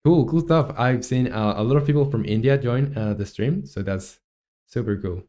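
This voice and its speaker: A young Chilean man in his twenties streams while developing a game, chatting casually and reading chat aloud with lots of fillers and restarts. His mid-range voice is warm and moves at a moderate pace.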